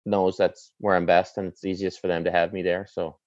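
A man's voice: low voice, level tone, fairly quick, no room sound, muffled recording. A middle-aged man with a light Maritime Canadian accent, chatting casually and informally in an interview as a sports broadcaster, plain-spoken and slangy. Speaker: sports broadcaster, desk anchor.

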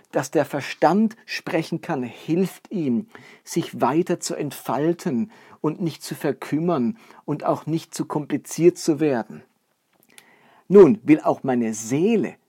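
A man's voice: fairly high pitch, warm tone, slightly rough. Earnest man preaching. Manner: earnest, explanatory, builds up with lists and rhetorical questions. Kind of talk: sermon teaching.

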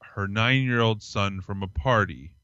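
In an unhurried, forceful manner, this man co-hosts a podcast and reads odd news articles aloud in relaxed conversation, slipping in small laughs and hesitant fillers. His voice is on the low side, bright and clean, captured in a dry, lo-fi recording.

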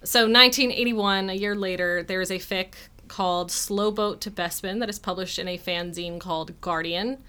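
A woman co-hosting a chatty podcast, with a bright, crisp tone. She talks casually and swears freely. Her delivery is animated and sarcastic. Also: mid-range voice, moderate pace, hardly any pauses. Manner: animated, profane, sarcastic storytelling. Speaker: podcast co-host. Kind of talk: casual chat.

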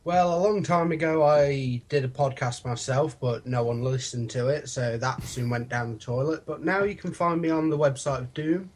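A man's voice: mid-range voice, steady tone, moderate pace, hardly any pauses, a little hiss or hum. A man with a British accent chatting casually as a guest on a podcast. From Britain. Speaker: podcast guest, toy reviewer. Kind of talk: casual chat.

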